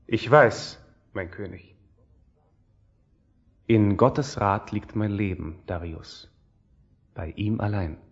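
Slow, devout, calm condemned official. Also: male voice, lowish voice, muffled recording. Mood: resigned, devout. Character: devout, calm official accepting his fate. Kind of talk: radio play acting.

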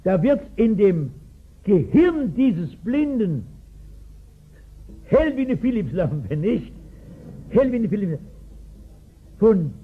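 On a tinny recording from the 1960s, a man in his sixties preaches a sermon, narrating a Bible story with emphasis and frequently questioning his audience. His voice sits high and sounds creaky and a little rough.

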